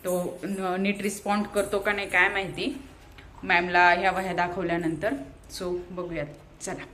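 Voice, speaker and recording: A young woman with a Marathi accent chatting in a family vlog, talking softly to the camera and calling out loudly to her small children. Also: fairly low pitch, flat delivery, normal speed. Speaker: vlogger and mother. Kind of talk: casual family vlog chat. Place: home and school grounds.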